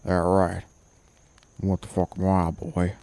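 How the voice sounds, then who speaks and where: A cruel, sneering ghost of an old man, as a male storyteller puts him on, low and dark in tone. He mocks and barks at the listener in a horror audio story, with the voice sitting dry and close. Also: monotone, slow pace, no room sound. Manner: mocking, scornful, barking.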